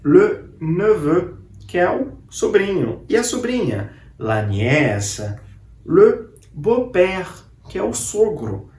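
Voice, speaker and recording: A man teaching a casual online language lesson, chatty and friendly, slowing down to repeat words for the viewer to copy. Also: high-pitched, sing-song, a little mellow. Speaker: French teacher. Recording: echoey room.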